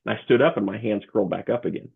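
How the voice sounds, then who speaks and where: Gravelly man on a tinny line. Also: on the low side. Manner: halting, with frequent restarts and fillers. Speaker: guest, comedian and motivational speaker. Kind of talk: casual interview storytelling. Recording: tinny phone-like remote line.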